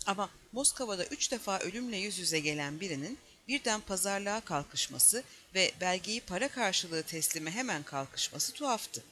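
Bright, high-voiced man reading a novel. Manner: steady, measured reading, lightly voicing dialogue. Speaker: audiobook reader. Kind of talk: scripted narration of a novel.

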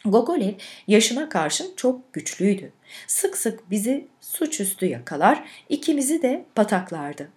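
Female audiobook reader, expressive and lively in pitch, measured delivery. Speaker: audiobook narrator. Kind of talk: literary audiobook reading.

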